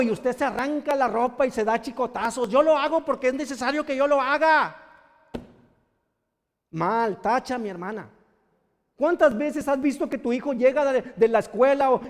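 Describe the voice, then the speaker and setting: A Mexican man preaching with a very high-pitched voice. He presses the congregation with pointed rhetorical questions. His words ring out with a long reverb, as in a church hall. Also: darkish tone. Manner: addresses listeners directly with pointed rhetorical questions. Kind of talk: sermon.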